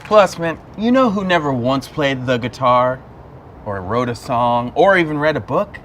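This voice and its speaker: A man's voice: mid-range voice, animated, normal speed, fairly bright tone, slight background noise, natural voice. A man playing a brash, dim macho best buddy in a goofy, clueless sitcom voice, with exaggerated 90s parody acting. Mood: dim, confident.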